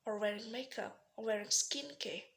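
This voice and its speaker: A young woman from Indonesia with an Indonesian accent, giving a rehearsed formal speech as a student in earnest, pausing style with slips and restarts. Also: a little high, vocal fry. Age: young adult.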